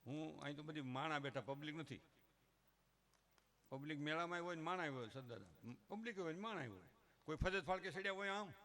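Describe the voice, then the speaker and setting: A man's voice: fairly high pitch, brisk, bright, forceful tone. A middle-aged man with a Kathiawadi Gujarati accent, giving a humorous folk talk at a religious gathering, rustic and joking, mimicking villagers before turning earnest.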